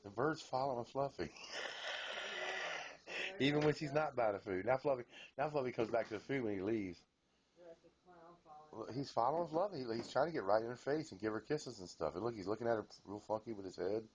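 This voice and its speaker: A man's voice: medium pitch, animated, moderate pace. A man filming his pets at home, chatting casually and cooing to them in baby-talk. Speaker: pet owner filming at home. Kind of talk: casual home video commentary. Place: home room.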